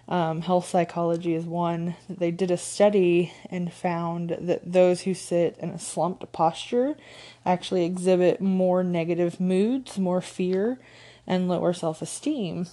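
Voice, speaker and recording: Woman podcast host, stuffed-up nose, low-ish mellow voice, casual coaching chat full of ums. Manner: conversational, frequent ums, light laughs. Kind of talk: casual solo podcast talk.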